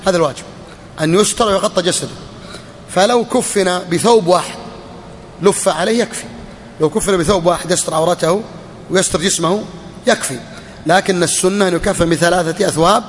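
A man's voice: high-pitched, long reverb tail, slight background noise. A man, a sheikh, teaching a hadith lesson in a classroom way, repeating each phrase and putting questions to his students.

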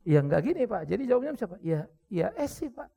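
Animated high-voiced preacher man, gravelly. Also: a little fast. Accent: Indonesian. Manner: lively preaching with jokes, acted quotes and sudden shouts. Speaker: pastor. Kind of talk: sermon.

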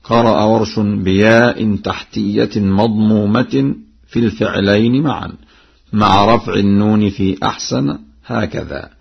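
A man from Egypt giving a broadcast lesson on Quran reading variants, explaining in a measured way and chanting verse examples. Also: on the low side, steady tone, vocal fry, breathy edge. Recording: lo-fi radio broadcast.

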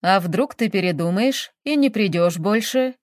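A woman's voice: fairly high pitch, no room sound, studio quality, natural voice. A woman doing a sly, knowing old witch. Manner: slow, knowing, mocking.

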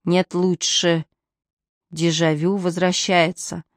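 A woman's voice: lowish voice, flat delivery, slow, no room sound, clean studio sound. A woman playing a flustered police inspector. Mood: weary. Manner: fussy, overwhelmed, sighing. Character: flustered middle-aged male police inspector.

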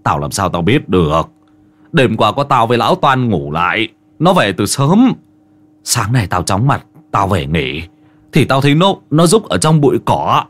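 A man voicing a gruff, irritable old uncle who scolds bluntly. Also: lowish voice, sing-song, normal speed, a bit bright.

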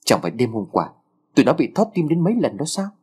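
A man's voice: mid-range voice, sing-song, fast, a little mellow, breathy edge. A man voicing a sluggish, sleepy teenage boy who grumbles and teases. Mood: grumbling, teasing. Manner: grumbling and teasing.

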